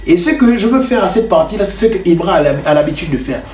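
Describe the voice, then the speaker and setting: A young man talks through his music-making process in a casual, rambling way. His voice sits fairly high. The bedroom adds a noticeable roomy echo. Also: lively intonation, fast, a little mellow, slight background noise. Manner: loose and chatty, many fillers like "genre". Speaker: home music producer and rapper. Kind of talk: casual tutorial talk to camera.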